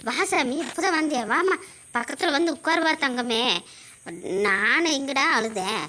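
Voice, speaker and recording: A woman's voice: high-pitched, normal speed, bright, forceful tone. A woman playing a lonely mother living apart from her son, lamenting her lot and then tenderly reassuring him. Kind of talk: village family drama acting.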